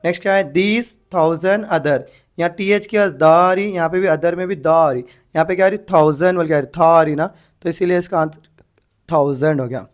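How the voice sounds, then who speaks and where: A man's voice: fairly high pitch, moderate pace. Guy tutoring english grammar for exams, spells words out letter by letter, keeps asking himself questions. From India. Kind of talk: exam-prep lesson.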